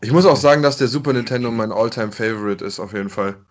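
A man's voice: medium pitch, rapid-fire. A man in his late twenties who co-hosts a casual podcast chat, rambling and searching for words. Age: 20s. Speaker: podcast co-host.

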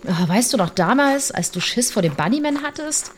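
A man's voice: very high voice, lively intonation, moderate pace, a little hiss or hum, pitched above the performer's own voice. Woman voicing a teasing young brother. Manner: cheeky, joking, half-suppressing laughter. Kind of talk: read-aloud horror story dialogue.

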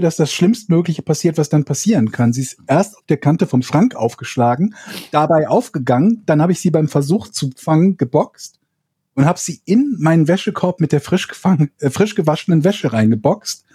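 Mellow husky man telling a rambling story. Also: fairly high pitch, animated, normal speed, no room sound, studio quality. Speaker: podcast co-host. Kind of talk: casual chat.

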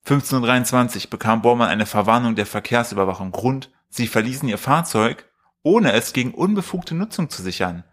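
A man's voice: mid-range voice, animated, fairly quick, fairly bright tone. Rambling German man hosting a podcast. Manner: rambling storyteller, reads news aloud with jokes. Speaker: podcast co-host. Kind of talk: casual chat.

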